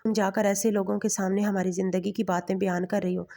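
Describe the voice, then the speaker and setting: A woman's voice: mid-range voice, level tone, creaky, mellow. A woman voicing a stern young husband who scolds in hard, clipped sentences.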